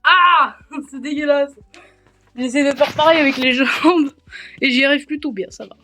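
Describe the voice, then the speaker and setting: A woman's voice: sits high, moderate pace, sharp tone, faint music behind. A young woman from France vlogging on her phone, rambling and joking at herself in a casual way. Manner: rambling, self-mocking and chatty. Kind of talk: casual vlog chat. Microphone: handheld phone.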